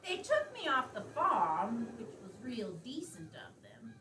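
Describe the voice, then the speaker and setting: A woman playing a feeble, indignant grandmother of eighty-six in a stage play, with a folksy, complaining, drawn-out delivery. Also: a little high, huge pitch swings, pushed and bright, slight background noise, exaggerated voice. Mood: chatty, wry. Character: feeble, indignant 86-year-old farm widow grandmother, folksy and chatty. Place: theater stage, distant mic. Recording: echoey stage from far off, background music.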